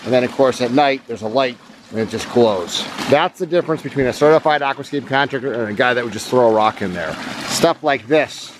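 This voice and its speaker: A man's voice: medium pitch, noisy background. A middle-aged man hosting a backyard tour, gushing with compliments and laughing as he asks questions. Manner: enthusiastic, quick compliments, lots of laughter. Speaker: host. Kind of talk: enthusiastic home-tour vlog. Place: house and backyard, outdoors.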